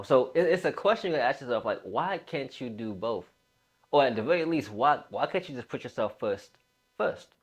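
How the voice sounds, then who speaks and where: With a fairly low pitch, this man in his late twenties delivers an emphatic, laid-back motivational talk as a fitness coach. He keeps repeating phrases and tossing in bro slang.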